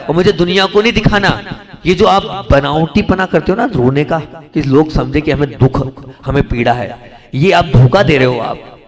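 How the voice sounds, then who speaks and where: A man, a Jain monk giving a sermon, asking the audience questions and repeating phrases, swinging from soft and slow to loud for emphasis. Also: a little high.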